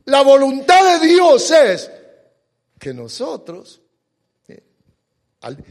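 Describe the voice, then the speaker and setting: A male pastor delivers an emphatic sermon in a high, widely swinging voice. He speaks slowly, drawing out key words and firing rhetorical questions at the congregation. His voice rings with the long reverb of a church hall. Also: wildly swooping pitch.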